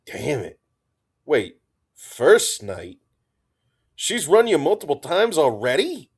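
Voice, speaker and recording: A dour, combative woman sergeant speaks in short, snapping bursts, raised in pitch and pushed hard in volume. She is curt and impatient throughout, as a man reading the story puts her on. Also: wildly swooping pitch, slow pace, husky, full character voice.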